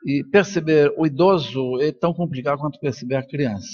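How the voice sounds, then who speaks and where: This older man, a Colombian native Spanish speaker, is a neuroscientist and professor giving an informal, reflective congress talk with personal anecdotes. His voice is a little high and darkish, his pace brisk, and the recording muffled.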